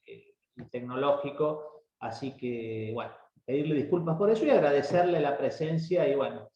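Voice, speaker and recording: Man, Argentine accent, webinar moderator, measured and halting, dull video-call sound. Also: a little high, warm tone. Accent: Argentine Spanish. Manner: measured, explanatory, hesitant restarts. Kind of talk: legal webinar discussion. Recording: echoey, muffled video-call audio.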